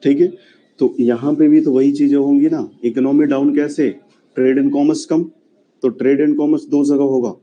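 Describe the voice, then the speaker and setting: A man's voice: mid-range voice, level tone, moderate pace, lo-fi sound. A man lecturing a classroom on history, chatty and often checking whether students follow. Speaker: history teacher.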